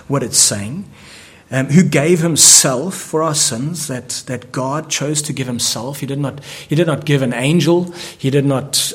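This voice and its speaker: A man preaching a sermon, earnest, often restarting words as he builds each point. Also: fairly high pitch. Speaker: pastor.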